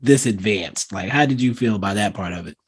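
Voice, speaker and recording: A man hosting a casual movie review podcast, chatting loosely with lots of fillers and acting out scenes in lively voices. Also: on the low side, a little fast, slightly rough. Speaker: podcast host.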